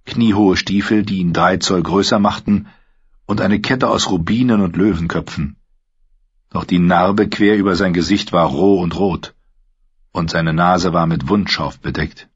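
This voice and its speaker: A man narrating an audiobook in a steady, low-key reading. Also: husky, muffled recording. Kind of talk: scripted narration.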